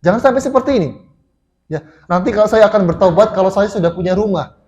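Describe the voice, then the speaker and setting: A high-pitched Indonesian man delivers a sermon in a mosque. He tells a story to the congregation, restarting phrases and filling pauses as he goes. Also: a little mellow. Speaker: preacher.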